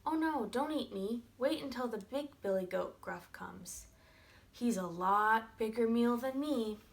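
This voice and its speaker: A woman's voice: fairly high pitch, a little slow, creaky. A woman voicing the second, middle-sized male billy goat, who pleads in a children's storybook reading. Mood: pleading.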